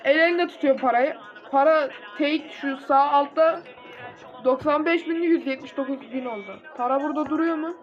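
A young male gaming host with a very high voice chats through a mobile game, addressing his viewers directly and getting easily frustrated. The recording is dull and lo-fi, with faint game music underneath. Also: moderate pace. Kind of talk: casual mobile gameplay commentary.

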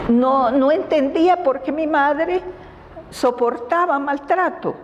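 Older woman, Honduran Spanish accent, unhurried and reflective, fairly high voice, dull reverberant room sound. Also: slight background noise. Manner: slow, deliberate, reflective with frequent fillers and laughs. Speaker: women's rights defender. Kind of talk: interview answers. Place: indoors in front of a banner. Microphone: lapel mic.

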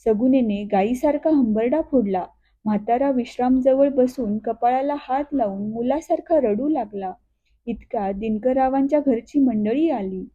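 A woman reading a classic story aloud in a steady, expressive way. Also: fairly high pitch. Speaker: narrator. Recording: thin phone-like audio.

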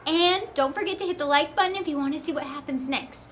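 A woman's voice: high-pitched, fast, a little hiss or hum, lightly acted. A woman playing a flustered princess stuck in her sister's body, catching and correcting her own slips in a live-action play-acting skit. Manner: flustered, stumbling, self-correcting.

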